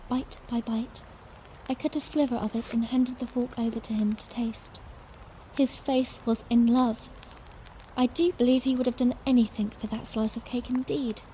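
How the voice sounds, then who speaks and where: A woman playing a young princess in a fanmade audiodrama, narrating in the first person in a soft, earnest, unhurried storybook way. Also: high voice, a little hiss or hum, rough recording. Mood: serene, wistful.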